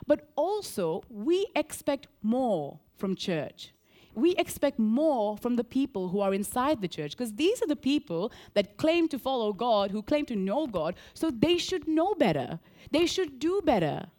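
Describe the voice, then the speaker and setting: A woman from Sri Lanka preaching a sermon, earnest and animated, repeating key phrases and telling a story. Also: fairly high pitch.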